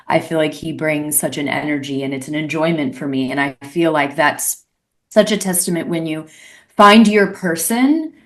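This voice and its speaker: A woman's voice: deep voice, moderate pace, a bit bright. A young adult woman co-hosting an interview podcast, gushing and rambling in casual chat. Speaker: podcast co-host.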